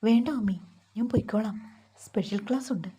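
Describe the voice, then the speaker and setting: A woman voicing a shy, hurt young college girl in a storybook reading, speaking softly and hesitantly. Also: mid-range voice, fairly quick, breathy edge. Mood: earnest.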